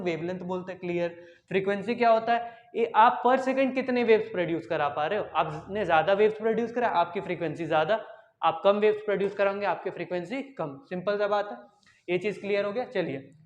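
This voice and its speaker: Tutor, male, high voice, quizzes himself aloud, echoey room. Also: muffled recording. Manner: repeats questions and answers them himself; switches between quiet and loud to demonstrate. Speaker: science teacher. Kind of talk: online science lesson.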